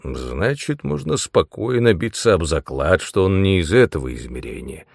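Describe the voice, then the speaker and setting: A man voicing a gruff, sarcastic male demon mentor in an audiobook, brusque and commanding. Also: sits low, big pitch swings, normal speed, no echo, studio quality, exaggerated voice. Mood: sly. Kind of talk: audiobook character voice.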